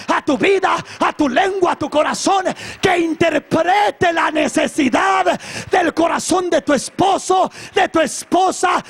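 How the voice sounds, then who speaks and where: A man preaching an impassioned sermon as pastor, with a raspy voice, repeating phrases and shouting at the peaks. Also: very high voice. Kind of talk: Pentecostal sermon. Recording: archival church sermon recording.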